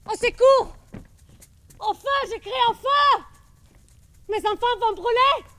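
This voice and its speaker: A woman's voice: very high voice, slow, sharp tone, exaggerated voice. A woman on an outdoor stage playing a peasant mother screaming desperately for help as her children are trapped. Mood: frantic screaming.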